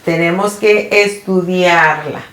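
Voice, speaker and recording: Woman co-host, lowish voice, casual faith chat, checks in with "¿verdad?", echoey room. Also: takes it slowly, fairly bright tone. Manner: often tags phrases with a questioning "¿verdad?". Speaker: podcast co-host.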